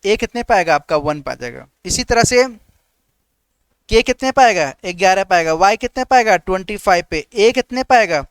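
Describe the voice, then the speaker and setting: A man teaching an exam-prep reasoning class online, firing quick questions about letter positions and answering them himself in a steady call-and-response drill. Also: high voice, clean tone, no room sound. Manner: repeats "ठीक है" as a filler. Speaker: reasoning teacher for government exams.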